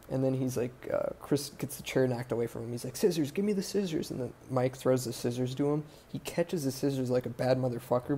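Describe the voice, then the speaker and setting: Gravelly man rambling through a movie recap. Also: medium pitch, warm tone, a little hiss or hum. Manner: rambling, profane, lots of fillers and self-corrections. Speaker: podcast host.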